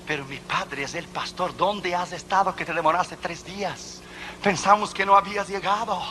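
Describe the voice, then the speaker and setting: Brief: a preacher putting on a burly Soviet guard, blunt and questioning, with a high, bright, forceful tone. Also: male voice, moderate pace, a little hiss or hum. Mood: urgent. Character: burly Soviet army guard, gruff then friendly.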